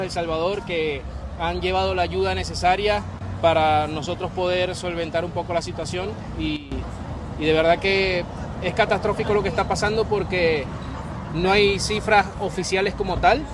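Guy, really high voice, serious and earnest, cars going by outside. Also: steady tone, normal speed. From Venezuela. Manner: earnest, grave, speaks with conviction. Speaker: community representative. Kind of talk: news interview statement. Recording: outdoor street noise.

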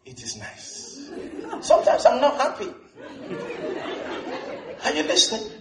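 A male pastor preaching a lively sermon, repeating phrases and asking the congregation if they are listening. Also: very high voice, measured pace, roomy sound, a crowd in the background. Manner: animated preaching with repetitions and audience call-outs. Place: church hall.

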